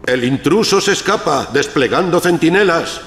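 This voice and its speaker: A man's voice: fairly high pitch, expressive, moderate pace, fairly bright tone, slight background noise. A man voicing a robotic security sentinel, with a robot turret voice, announcing clipped alarm calls in a video game. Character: robotic security sentinel, male, cold and alert. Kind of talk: video game cutscene voice acting.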